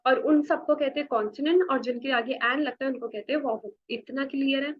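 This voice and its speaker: An Indian woman teaching beginners in a classroom with a blackboard, her voice set high. She walks through words slowly, repeats each one and keeps asking the class questions. The lo-fi recording sounds dull. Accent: Indian English. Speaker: spoken English teacher.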